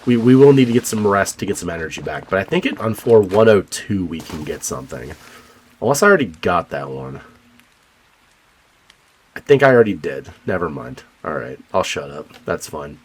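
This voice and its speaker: A man hosting a let's play, chatting casually and haltingly with lots of fillers and restarts, offhand and a bit profane. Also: low-pitched, big pitch swings, husky. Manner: rambling and hesitant, many fillers and restarts. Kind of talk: casual gameplay commentary.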